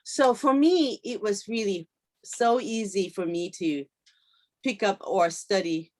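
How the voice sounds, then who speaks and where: A middle-aged native Japanese speaker from Japan chats enthusiastically as a guest in a casual conversational interview, her Japanese accent clear and her phrasing hesitant. Her mid-range voice is slightly mellow, and she speaks slowly.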